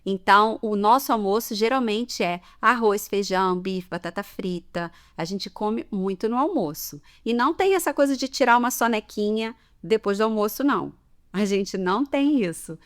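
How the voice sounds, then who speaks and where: A woman's voice: medium pitch, lively intonation, normal speed. A Brazilian woman with a Brazilian Portuguese accent, giving a chatty podcast lesson on everyday customs and often checking in with "tá?". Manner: chatty, explains with examples, frequent "tá?" check-ins. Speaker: language teacher.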